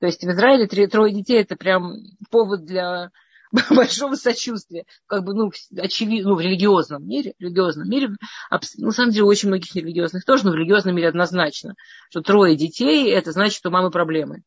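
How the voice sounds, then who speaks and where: A woman's voice: medium pitch, quick pace, breathy edge, no echo, highs cut off. A middle-aged woman from Russia casually telling her life story in a meandering way, often restarting and stammering over words.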